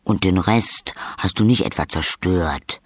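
A man voicing a gruff, dry-humored older leader who speaks with impatience. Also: deep voice, measured pace, no echo.

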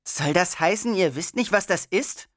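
An audiobook reader voicing an impatient schoolgirl who growls at the boys in a raised, forceful tone. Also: medium pitch, lively intonation, moderate pace, dry recording, studio quality, close to an everyday voice.

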